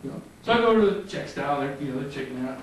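A man's voice: fairly high pitch, animated, racing. A man in his thirties doing stand-up comedy, rambling through stories with a handheld mic on a club stage. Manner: loose, rambling storytelling with stoner voices. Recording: far, roomy, noisy camcorder tape.

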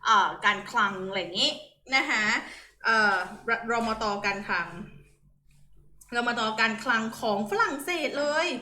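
A woman's voice: fairly high pitch, animated, a little slow, sharp tone, echoey room, slight background noise. A young Thai woman with a Thai accent, giving a chatty, casual online English lesson full of fillers. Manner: chatty, friendly, many polite particles and fillers. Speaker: English tutor.

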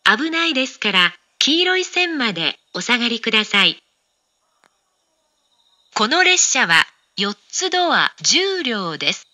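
A woman reads formal, scripted train station announcements, enunciating carefully at a measured pace. Her voice is on the high side, very animated and sharp in tone, with no echo.

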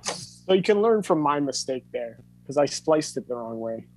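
In a rough recording with a bit of hiss or hum, a man in his thirties with a medium-pitched, expressive voice talks at a moderate pace. He's a workshop instructor giving a casual hands-on tutorial in an indoor home studio room full of tape gear, thinking aloud as he demonstrates.

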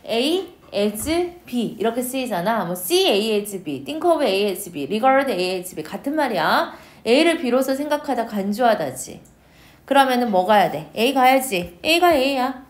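A woman with a high voice gives an exam-prep English lecture. She talks in a casual, chatty way, putting questions to the class and then answering them herself. The room gives her voice a noticeable echo. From South Korea. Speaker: English teacher.

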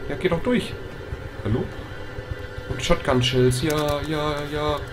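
A man doing let's play commentary on a horror game, excitable, often shouting, swearing and stammering when things get tense. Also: a little high, takes it slowly, music in the background.

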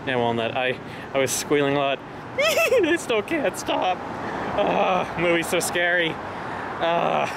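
A man talking in a casual vlog, rambling with many fillers and restarts, a bit out of breath. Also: mid-range voice. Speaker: vlogger. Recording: noisy background.

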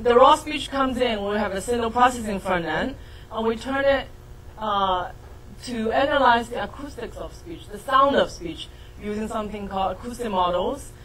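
A woman's voice: mid-range voice, normal speed, a bit bright, poor audio. A middle-aged woman professor giving a lecture, explaining step by step with frequent fillers and self-corrections. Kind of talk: lecture on speech technology.

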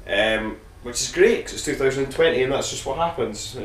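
A man's voice: medium pitch, normal speed. Brief: male host, casual sweary film reviewer, echoey room, faint hiss. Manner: sweary, rambling, jokey. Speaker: podcast host reviewing films.

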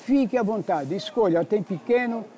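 Brazilian man, hidden-camera prankster, very high bouncy voice, loud store noise behind. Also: lively intonation, moderate pace. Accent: Brazilian Portuguese. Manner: playful, teasing, yelping when chased. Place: supermarket.

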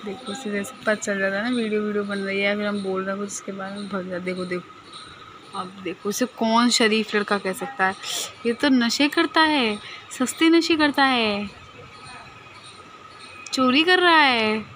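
A woman's voice: mid-range voice, fairly even intonation, moderate pace, noisy background. A woman giving playful, teasing commentary on her pets at home, often breaking into laughter. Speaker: pet vlogger.

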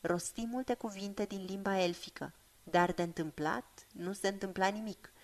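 A woman narrating a fantasy audiobook in a measured, expressive reading voice. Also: mid-range voice.

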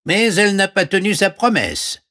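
A man's voice: sits high, big pitch swings, normal speed, bright, forceful tone, voice pushed up, full character voice. A man voicing a small warty green frog, polite but insistent, in a storybook reading.

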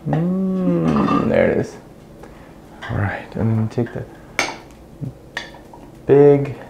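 A man in his thirties, an electrician, explains each step while he installs a ceiling light, in a relaxed, practical way. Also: medium pitch, gravelly, background noise. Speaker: electrician instructor. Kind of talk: hands-on how-to narration. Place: small room in a house, indoors.

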